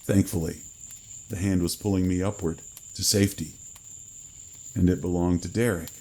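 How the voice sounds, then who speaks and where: A man reading a first-person horror story in a slow, grave storytelling manner. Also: low voice, fairly even intonation, darkish tone, poor audio. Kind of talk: scripted horror narration.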